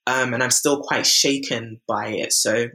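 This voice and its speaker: A woman's voice: extremely low pitch, unhurried. A young woman in her twenties, candidly recounting a personal health story as a podcast guest, acting out the people she quotes. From Britain. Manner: candid, animated, acts out quoted voices.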